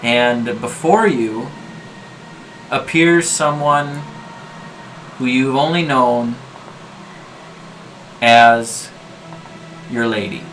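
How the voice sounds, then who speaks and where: A man narrating a tabletop game as game master in halting, drawn-out phrases. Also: medium pitch, a bit bright, slight background noise, poor audio.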